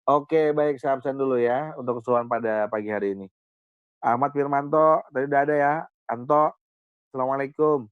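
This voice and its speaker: A man's voice: medium pitch, normal speed, smooth, dry recording, narrow, tinny audio. A male teacher taking the roll in an online class, with a joking, teasing manner. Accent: Indonesian. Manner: joking, teasing banter with students. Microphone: video call.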